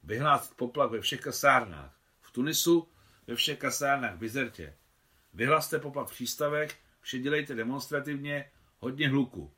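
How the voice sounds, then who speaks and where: A commanding colonial governor of middle age speaks crisply and gives orders, voiced by a man reading a novel. His tone is bright and forceful. It is a storybook reading. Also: mid-range voice, animated. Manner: brisk, giving orders.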